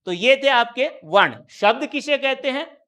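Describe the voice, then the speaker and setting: A man's voice: very high voice, lively intonation, a little slow, bright, forceful tone, clear, resonant tone. Hindi grammar teacher quizzing his class. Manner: explains step by step, quizzing students with repeated questions. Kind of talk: classroom lecture on a whiteboard.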